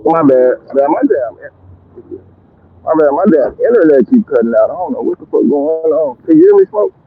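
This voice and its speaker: A man's voice: a little high, big pitch swings, normal speed, slight background noise. A man calling into a casual podcast from home over Bluetooth earbuds, his voice warbling and cutting out as the internet drops. He talks loose and slangy and swears freely. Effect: warbly, dropping internet call audio. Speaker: remote call-in panelist. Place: remote home setup in Texas. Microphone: Bluetooth earbuds on a call. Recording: tinny phone-like call line.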